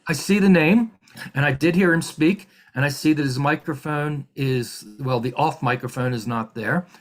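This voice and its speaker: A man's voice: on the high side, normal speed. A man working as a hearing examiner, running formal proceedings over a video call in a polite, methodical way with frequent fillers and restarts.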